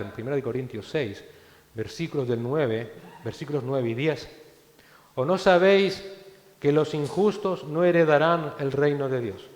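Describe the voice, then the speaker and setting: A man preaching a sermon as pastor, swinging between loud exhortation and hushed, low phrases. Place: church hall. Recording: echoey church hall with long reverb.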